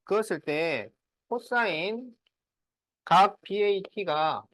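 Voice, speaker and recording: A man's voice: high-pitched, animated, slow pace, a bit bright, dry recording. A man teaching a class math, working through problems step by step and often checking whether students follow. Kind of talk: classroom lesson.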